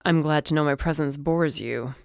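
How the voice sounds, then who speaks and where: Woman reading as a deadpan male detective. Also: low-pitched, fairly quick, dry recording, studio quality. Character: dry wry male police detective, adult.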